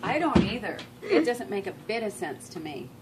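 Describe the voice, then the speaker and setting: A woman's voice: medium pitch, very animated, moderate pace. A middle-aged American woman, a nurse, chatting casually with a patient. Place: small curtained hospital recovery bay. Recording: very noisy hospital room phone recording.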